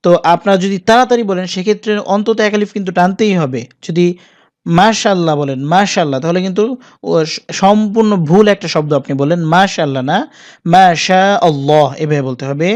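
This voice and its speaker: Casting: recitation teacher, spells out sounds and then stretches model words slowly, talks straight to viewers. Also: medium pitch, a little mellow. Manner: drawn-out, slow model pronunciations between brisk explanation; addresses viewers directly. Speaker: Quran pronunciation teacher.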